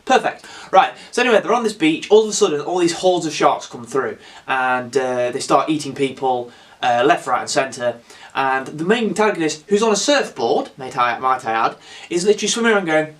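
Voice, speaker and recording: Excitable high-voiced man reviewing a film. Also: fairly quick. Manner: excitable, rambling, swears freely. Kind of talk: casual film review vlog.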